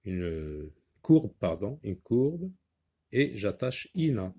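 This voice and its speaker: A man's voice: on the low side, big pitch swings, slow, warm tone, breathy edge. A man teaching a reading and handwriting lesson, patiently talking the class through each step.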